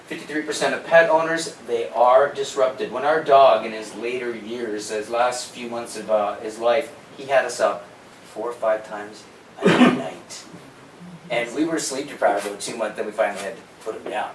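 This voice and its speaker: Speaking at normal speed in a mid-range voice, a man gives a conversational, opinionated health seminar full of rhetorical questions and quoted asides. A distant mic in an echoey room picks up background noise.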